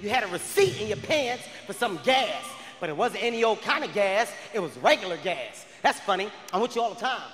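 A man on stage voicing a suspicious girlfriend who accuses her partner loudly and repeats herself as if she had solved a case. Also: high voice, very animated, brisk, hardly any pauses, long reverb tail. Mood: accusing.

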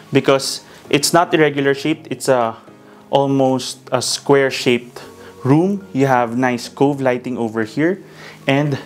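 A man in his thirties, a real estate broker, giving a polished walking house tour of a townhouse, pointing out features room by room. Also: mid-range voice. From Philippines. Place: bright empty townhouse rooms indoors.

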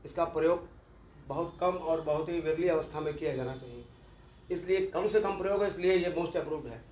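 Guy teaching a law class, fairly high voice, keeps repeating key words, roomy echo and a bit of hiss. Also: moderate pace, darkish tone. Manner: explanatory, repeats key terms, mixes English legal words. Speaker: law lecturer. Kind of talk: exam-focused law lecture.

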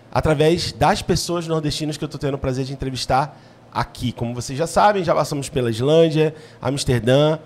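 High-voiced upbeat Carioca host. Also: male voice, darkish tone. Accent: Carioca Portuguese. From Rio de Janeiro, Brazil. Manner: upbeat, enthusiastic. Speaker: podcast host. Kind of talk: hosting a podcast, reading sponsor ads. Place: indoor podcast studio. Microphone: studio mic on a boom arm.

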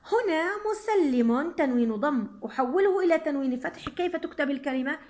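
A woman teacher with a Jordanian accent and a high voice leads a grammar review for young pupils. She talks slowly and deliberately. She repeats the key words so the class can follow along. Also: expressive.

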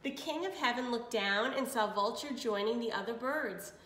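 A woman reads a children's picture book aloud at a normal pace, her voice slightly high. She reads expressively, pausing for little asides and questions. The room is noticeably echoey.

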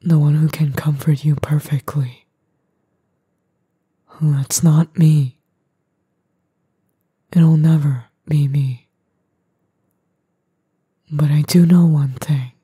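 Girl doing an edgy young boyfriend, ASMR role-play, super breathy and dark, gruff but caring, intimate asmr. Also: sits low, fairly even intonation, takes it slowly, pauses often, dry recording, studio quality, heavily acted. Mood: earnest, tender. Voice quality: breathy, husky soft voice.

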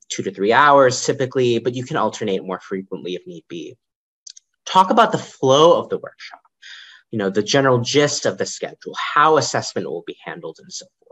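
A young man gives a prepared lightning talk from a small room over a webcam. His mid-range voice moves up and down in lively swings, with an occasional um between points. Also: mid-range voice. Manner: lively, varied intonation, occasional ums. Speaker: librarian giving a conference talk.

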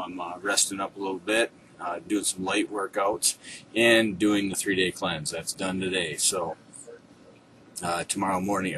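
Low-voiced man on a noisy webcam. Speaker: fitness coach vlogger. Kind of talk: casual vlog check-in to online followers. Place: small room at home, indoors. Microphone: webcam at desk distance. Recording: noisy, distant webcam microphone.

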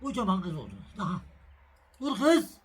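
Man, middle-aged, fairly high husky voice, casual home vlog, talking while cooking, coaxing animals. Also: wildly swooping pitch, moderate pace. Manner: talks to viewers while making a sandwich, then shouts and coaxes an animal. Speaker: vlog host.

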